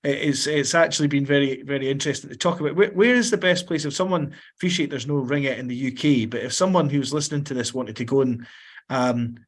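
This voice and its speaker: A man's voice: mid-range voice, quick pace. A man hosting a sports podcast, asking questions casually and often repeating words as he starts them. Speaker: podcast host. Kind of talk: casual interview.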